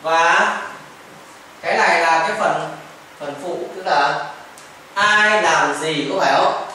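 A man's voice: a little high, takes it slowly, pushed and bright. A male teacher giving a patient classroom grammar lesson, repeating examples and mixing in English phrases. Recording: echoey classroom from far off, faint noise. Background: children chiming in.

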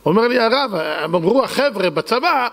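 A man's voice: extremely high pitch, expressive, a bit bright, big-room sound. A man preaching a sermon as a rabbi, fervent and dramatic, acting out the voices he quotes.

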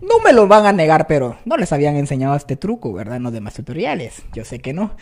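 A woman's voice: low voice, big pitch swings, fast, darkish tone. A woman teaching beatbox in a casual, playful spoken tutorial, joking and demonstrating vocal sounds.

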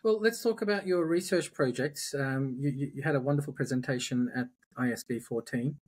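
A man's voice: mid-range voice, a little fast, darkish tone, husky. A middle-aged man hosting a casual, conversational online interview. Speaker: interview host. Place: indoors, plain room.

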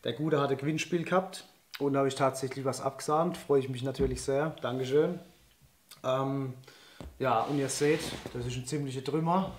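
A slightly hoarse man, an outdoor and shooting sports vlogger, does a casual unboxing while seated at a wooden table in an indoor room, facing the camera. He is chatty and enthusiastic and laughs often, speaking at medium pitch, a moderate pace, and with fairly even intonation. The room is echoey, with faint hiss.

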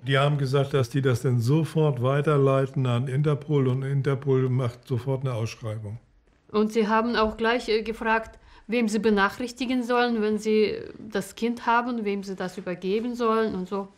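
A woman's voice: on the low side, moderate pace. A middle-aged woman, a grandmother, speaking in an interview at home, plain and a bit hesitant. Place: indoor home.

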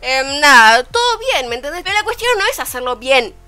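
A young woman with a Rioplatense accent, telling a story in a casual vlog, animated and swearing freely, quoting people as she goes. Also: sits high, brisk, soft background music. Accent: Rioplatense Spanish. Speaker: vlogger. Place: at home, her bedroom.

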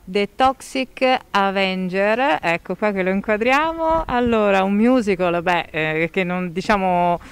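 A woman's voice: mid-range voice, normal speed, few pauses, smooth. A woman interviewer asking questions in a casual, conversational way.

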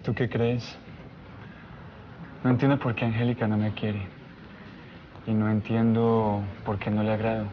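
A man's voice: lowish voice, little pitch movement, unhurried, long pauses, dull audio, slight background noise, close to an everyday voice. A young man playing a sincere, wistful suitor in a soap opera, speaking in an earnest and subdued way. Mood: sad, wistful. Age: young adult.

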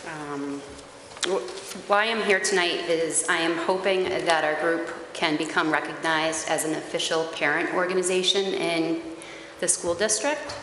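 A woman in her forties, a parent group facilitator, reads a prepared statement at a public town meeting through a gooseneck podium microphone. Her voice is loud, carrying, low-pitched and unhurried, earnest and steady with occasional hesitant fillers. The echoey chamber carries a faint background hiss.

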